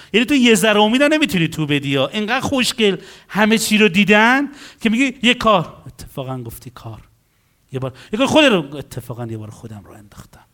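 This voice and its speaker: A man working as a counselor, telling stories about clients and acting out their dialogues in an animated way. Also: high-pitched. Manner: animated storytelling, acts out dialogues.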